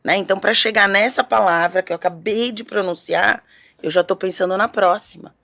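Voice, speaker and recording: A woman's voice: mid-range voice, a little fast, sharp tone. A woman speech therapist from Brazil, explaining as an interview guest in a didactic, step-by-step way.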